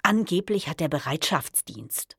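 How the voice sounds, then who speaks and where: A woman's voice: low voice, sing-song, unhurried, fairly bright tone, husky, no room sound, studio quality, heavily acted. A woman voicing a stubborn, pessimistic young woman who talks in a reproachful, blunt way. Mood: grumbling. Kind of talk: audiobook reading.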